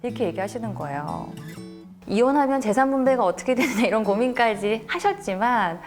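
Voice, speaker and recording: A middle-aged woman lecturing as a communication coach, with a lively, swooping voice pitched a little high. She tells stories and bursts into the shouted lines of the people in them. Soft guitar music plays behind her. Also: a little fast. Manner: storytelling, acts out the angry quotes loudly. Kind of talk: lecture with acted-out quotes.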